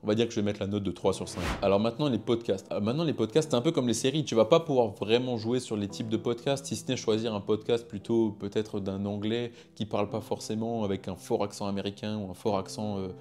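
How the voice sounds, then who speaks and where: A man's voice: on the low side, steady tone, fast, hardly any pauses, darkish tone, faint music behind. A man talking casually to camera as a YouTuber, rating ways to learn English and speaking to the viewer in a familiar, informal way with bursts of emphasis.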